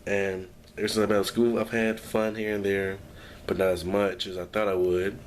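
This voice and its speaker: A man's voice: fairly low pitch, flat delivery, moderate pace, a little hiss or hum. A young man talking to his camera at home in a rambling, downbeat personal vlog, full of restarts and sighs. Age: young adult. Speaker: vlogger. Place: at home, indoors.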